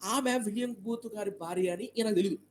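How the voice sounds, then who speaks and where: A man's voice: sits high, brisk, a little hiss or hum, low-quality recording. A man preaching a storytelling sermon, emphatic and repetitive. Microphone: online live stream.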